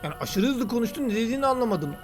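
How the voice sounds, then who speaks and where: A man talking excitedly and casually while he plays a game and comments on it. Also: extremely high pitch, racing, soft background music. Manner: chatty, excitable, slangy banter. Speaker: gaming YouTuber. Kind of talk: let's play commentary.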